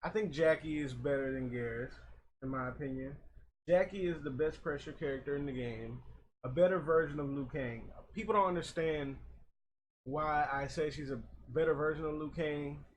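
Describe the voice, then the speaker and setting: A man's voice: a little high, normal speed. A man giving informal, opinionated gaming commentary, recorded a little far from a makeshift old mic. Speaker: gaming video host. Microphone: makeshift old mic, not close. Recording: far from the mic, background noise.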